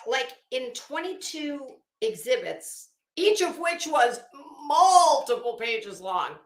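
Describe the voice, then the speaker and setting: Reading a legal motion out loud, this woman speaks slowly in a high, very animated voice and breaks off for mocking commentary. Her manner is sarcastic, taunting and emphatic, blunt, with swearing. She's an online commentator recorded in an echoey room.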